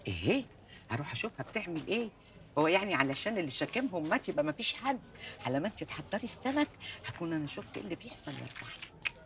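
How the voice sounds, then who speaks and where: An actress playing an older, meddling aunt with an Egyptian accent, who talks fast and scolds loudly in a TV drama. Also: female voice, fairly low pitch, very animated. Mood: lamenting, gossiping. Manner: scolding, fast, shouting in quarrels. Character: grieving, meddling aunt, loud and quick-tempered.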